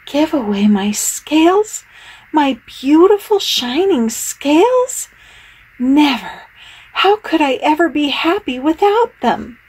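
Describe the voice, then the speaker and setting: A woman's voice: high voice, big pitch swings, slow pace, a little mellow, voice pushed up, heavily acted, low-quality recording. A woman voicing a proud, vain young male fish in a storybook, haughty and indignant.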